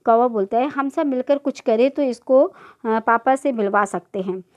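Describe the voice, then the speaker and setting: A woman's voice: fairly high pitch, normal speed, a little mellow. Woman teacher reading a play aloud. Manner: voices each character's lines in turn. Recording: dull lo-fi recording.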